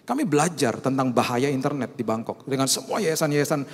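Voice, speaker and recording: A middle-aged male pastor, telling animated stories in a sermon and mixing in English phrases. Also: medium pitch, a little fast, big-room sound.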